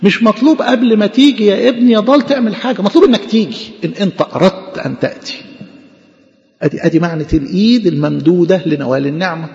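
A man's voice: high voice, very fast, a little mellow, big-room sound, dull audio. A man with an Egyptian Arabic accent preaching a sermon, asking questions and answering them himself in a conversational way.

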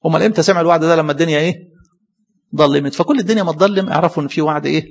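Fast-talking Egyptian preacher in a hall. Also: male voice, on the high side. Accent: Egyptian Arabic. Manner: asks the audience questions and answers them himself; quotes verses slowly and with emphasis. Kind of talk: sermon on scripture. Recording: dull, echoey hall recording.

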